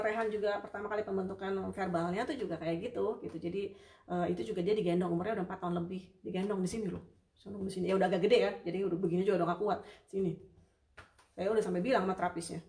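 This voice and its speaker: A woman therapist hosting a casual live-stream Q&A, chatty and warm with viewers, full of hesitations and fillers. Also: medium pitch, steady tone, quick pace. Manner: warm and apologetic toward viewers. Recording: roomy sound, distant from the mic.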